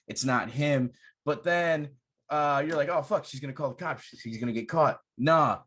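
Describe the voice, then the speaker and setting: A young man casually recapping a horror movie plot on a podcast, swearing often and telling it with animated energy. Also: a little high. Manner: profane, animated storytelling. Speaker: podcast host. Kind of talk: casual movie review chat.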